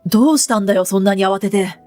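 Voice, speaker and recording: A woman's voice: medium pitch, fast talker, mellow, dry recording, soft background music, natural voice. A woman reading the lines of an offhand husband. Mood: puzzled. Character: passive grown man, a husband.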